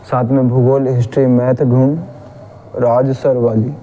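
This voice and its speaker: A man's voice: medium pitch, flat delivery, a little slow, dark tone, dull audio, a little hiss or hum. A man with a Hindi accent teaching chemistry, patiently repeating a memory trick and correcting his own slips.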